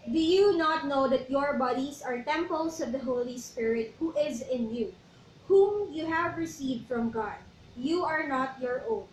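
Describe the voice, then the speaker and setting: A high-pitched woman chats casually as a church show co-host, and she turns slow and deliberate when she reads verses aloud. She sounds a little far from the mic, in an echoey room with faint background noise. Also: lively intonation. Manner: chatty, switches into slow deliberate English when reading scripture. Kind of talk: casual faith talk, reading Bible verses.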